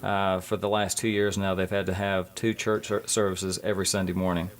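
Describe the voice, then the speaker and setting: A man's voice: sits low, little pitch movement, fairly quick. A man speaking as a motivational speaker guest on a radio interview, earnest and often stammering and restarting his words.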